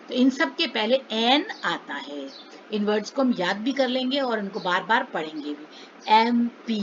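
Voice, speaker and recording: A woman's voice: on the high side, fairly bright tone, dull audio, a little hiss or hum. A woman English teacher explaining grammar to children, patiently repeating sounds and asking checking questions.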